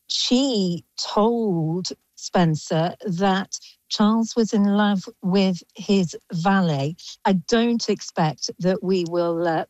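A woman's voice: mid-range voice, a little mellow, no echo, highs cut off. A woman giving a scripted radio news report as a correspondent.

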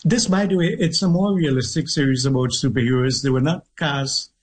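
A middle-aged Trinidadian author, speaking as a guest, tells childhood stories in a reflective interview with a Trinidadian accent. His mid-range voice is husky, and he talks in a measured, thoughtful way, pausing and restarting. The recording quality is low.

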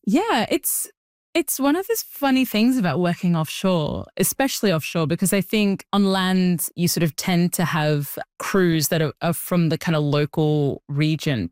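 A young woman, telling her story as an interview guest, animated and full of fillers. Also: on the low side, moderate pace, no echo, studio quality. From Sudan. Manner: animated, with frequent "like" and "you know" fillers. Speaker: guest, engineer and writer. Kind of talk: interview conversation.

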